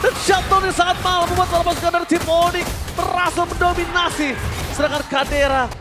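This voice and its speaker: A man with an Indonesian accent doing hype play-by-play esports commentary like a fighting game announcer, shouting at the peaks and stretching out his calls. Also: very high-pitched, little pitch movement, fast talker. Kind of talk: live esports match commentary. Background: loud music.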